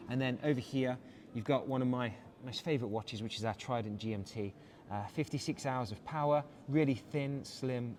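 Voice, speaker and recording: With a medium-pitched, slightly mellow voice, a man from England acts as brand director at a busy watch showroom event. He gives a smooth, enthusiastic product walkthrough like a salesman, using "uh" often, and there's slight background noise.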